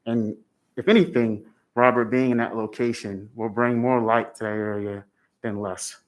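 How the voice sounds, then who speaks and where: A man's voice: on the low side, flat delivery, normal speed. A man in the army giving public testimony, plainspoken and respectful, answering questions with many fillers.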